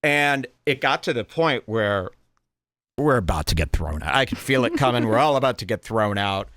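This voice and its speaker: A man's voice: medium pitch, animated, moderate pace, fairly bright tone, no echo, studio quality. A man hosting a podcast, telling a comedic story in an exaggerated, indignant way. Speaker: podcast host.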